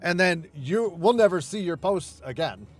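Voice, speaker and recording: A man's voice: high voice, expressive, normal speed. A man chatting casually with a friend while gaming, rambling and swearing heavily, with many restarts.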